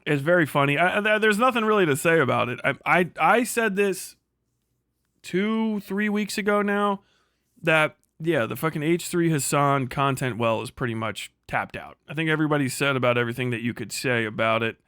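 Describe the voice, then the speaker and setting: A man with a fairly high, sharp voice hosts a livestream at a moderate pace, reading and reacting to posts with casual commentary. He is blunt, sweary, and rambling. The sound is clean and studio quality, with no echo.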